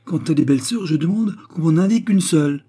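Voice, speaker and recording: A blunt, money-minded sister-in-law snaps back with curt, sardonic remarks, as a male narrator voices her. The voice is mellow and husky. It sounds like a storybook read aloud. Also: fairly high pitch, lively intonation, quick pace, pitched above the performer's own voice. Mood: indignant. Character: older woman, blunt, stingy, sharp-tongued sister-in-law.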